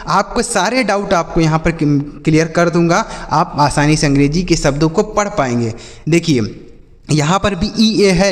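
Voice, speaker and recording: Man, English reading teacher, spells out words, quizzes class, long reverb. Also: a little high. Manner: spells words letter by letter, then quizzes students; repeats questions to an imagined class. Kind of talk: spoken classroom lesson.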